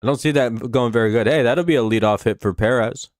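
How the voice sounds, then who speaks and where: Here the American fan talks at medium pitch and a quick pace, recorded in studio quality with no room sound. False teeth make his s whistle and give him a slight lisp as he rambles, swears, and chats through laid-back play-by-play on a live sports stream.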